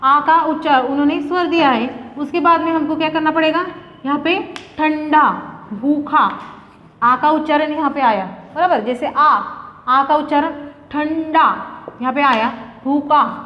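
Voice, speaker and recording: A woman teaching a grammar lesson to a class, explaining slowly and repeating each example word. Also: sits high. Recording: dull lo-fi sound with long reverb.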